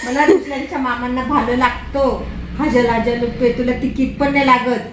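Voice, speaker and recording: A woman's voice: high-pitched, steady tone, brisk. An older woman, a grandmother, teasing her grandson in playful, laughing baby talk in a casual family chat at home. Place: indoors at home. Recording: echoey room with faint noise.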